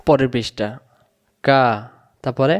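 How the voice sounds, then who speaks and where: A man teaching Quran reading, sounding out Arabic syllables one at a time and then joining them in a slow recitation lesson. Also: mid-range voice, highs cut off.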